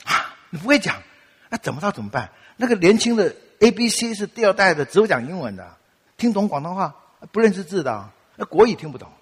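A Taiwanese man with a Taiwanese Mandarin accent speaks in a high, slightly rough voice, a bit fast, in a large hall. He's a pastor whose sermon weaves in stories, and he animatedly acts out quoted voices with laughs.

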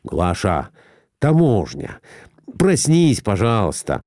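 A man voicing a bluff middle-aged husband who scolds his wife in a low, gruff way. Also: wildly swooping pitch, slow, no echo, studio quality, exaggerated voice. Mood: exasperated. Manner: gruff, exasperated shouting.

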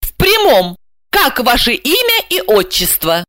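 A woman voicing a nervous young woman in an audiobook, with a high, piping, pleading manner. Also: wildly swooping pitch, measured pace, bright, forceful tone, no room sound, full character voice. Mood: flustered. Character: nervous young woman Asya, squeaky and flustered. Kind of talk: audiobook character voice.

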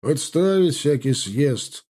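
A man voicing a calm, good-humored retired general in an audiobook. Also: medium pitch, takes it slowly, husky. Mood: calm, commanding. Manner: calm, commanding.

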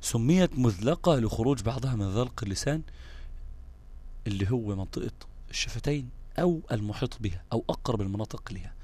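This husky, warm male voice sits in the mid-range and moves quickly with lively intonation. He carries an Egyptian Arabic accent and is teaching Quran recitation in a live online session, patiently explaining, repeating terms, and checking on his listeners.

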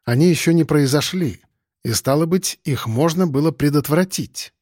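A man's voice: on the high side, moderate pace, a little mellow, dry recording, clean studio sound. A man reading a first-person audiobook in a musing, conversational way. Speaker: narrator. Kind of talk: audiobook narration.

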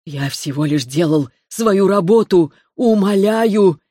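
A woman's voice: lowish voice, moderate pace, no room sound, clean studio sound, close to an everyday voice. A woman voicing a grown male mercenary who pleads desperately in a trembling, wheezing voice. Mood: panicked. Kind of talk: audiobook character voice.

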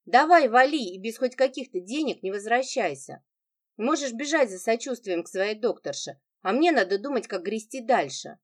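A woman's voice: a little high, lively intonation, normal speed. A woman reading an audiobook, voicing a venomous, mocking wife who speaks with biting sarcasm.

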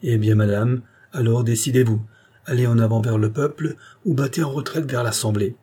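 A man reading aloud, voicing a grave royal counsellor who speaks in a measured, formal way. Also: mid-range voice, steady tone, mellow, breathy edge, close to an everyday voice. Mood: urging. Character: grave older male royal counsellor, frank.

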